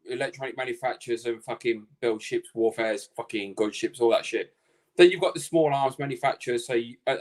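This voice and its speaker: Blunt, sweary man chatting. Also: mid-range voice. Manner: blunt, sweary, animated storytelling. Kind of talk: casual podcast chat.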